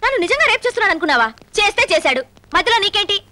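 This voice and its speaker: A woman playing a sharp-tongued film heroine, snapping back in a film comedy. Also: very high voice, very animated, racing, no echo, exaggerated voice. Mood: scolding. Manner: sharp, scolding retorts.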